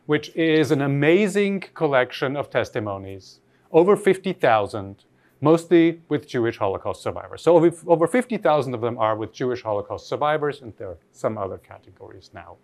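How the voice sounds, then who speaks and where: A man's voice: medium pitch, big pitch swings, a little fast, gravelly, a little mellow. A man from Austria giving an academic lecture, reflective and posing rhetorical questions to his audience.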